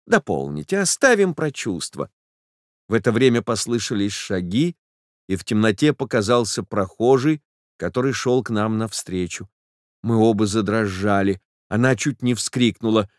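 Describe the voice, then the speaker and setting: A man's voice: lowish voice, moderate pace, no room sound, clean studio sound. Man reading literary fiction. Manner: emotional, reflective first-person storytelling. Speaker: narrator. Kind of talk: literary audiobook narration.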